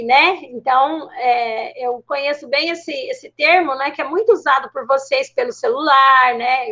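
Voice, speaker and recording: A woman's voice: sits high, a bit bright. A middle-aged Brazilian woman teaching an online class, explaining patiently and checking in with her students. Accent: Brazilian Portuguese. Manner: explanatory, checks in with frequent tags. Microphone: video call. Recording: dull lo-fi call audio.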